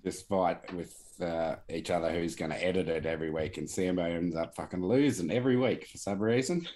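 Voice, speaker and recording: A man's voice: sits low, brisk, darkish tone. A man hosting a podcast in casual chat, swearing and laughing through banter. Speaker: podcast host.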